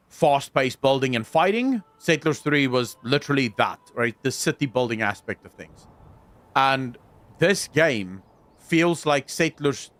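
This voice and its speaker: In a dry recording, a South African man with a somewhat high, slightly bright voice livestreams a game. He keeps up casual chat with his audience, answering their messages and dropping the occasional swear word.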